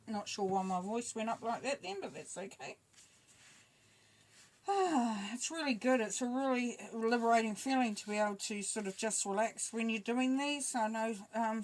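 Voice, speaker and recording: A woman reading tarot cards in a loose, conversational way, talking through each card as she turns it over. Her voice sits a little higher than most women's, and she thinks aloud with easy fillers and small asides. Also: rough recording. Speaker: tarot reader. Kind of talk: casual spoken tarot reading.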